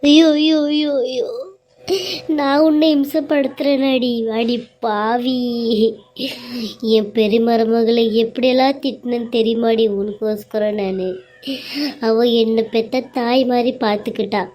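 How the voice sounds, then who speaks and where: A scheming middle-aged mother-in-law from a cartoon serial, voiced by a woman. Her voice sits high yet mellow, and she scolds, taunts and wails with theatrical drama. She drops into low, plotting asides when alone. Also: fairly even intonation, a little slow, lightly acted. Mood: wailing.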